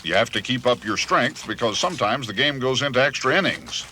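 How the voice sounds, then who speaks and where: A man's voice: medium pitch, expressive, brisk, bright, forceful tone, slight background noise. An older man narrating a TV news feature in a wry, mock-sports commentary style. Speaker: TV news correspondent. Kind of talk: scripted narration. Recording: 1980s TV news voice-over.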